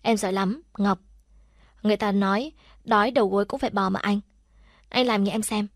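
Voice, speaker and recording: A woman's voice: medium pitch, steady tone, brisk, dry recording, studio quality, lightly acted. Defiant kidnapped young man, read by a woman. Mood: gentle.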